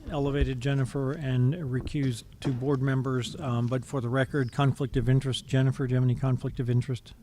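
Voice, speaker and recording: A man's voice: medium pitch, flat delivery, a little fast, hardly any pauses, warm tone. A man chairing a town board meeting, speaking in an informal, hesitant way with many fillers and restarts. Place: town hall meeting room.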